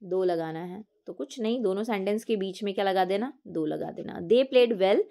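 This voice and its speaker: A woman's voice: mid-range voice, dark tone. A woman, teaching an English grammar lesson and answering her own questions. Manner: asks questions then answers them herself; reads English sentences slowly and clearly.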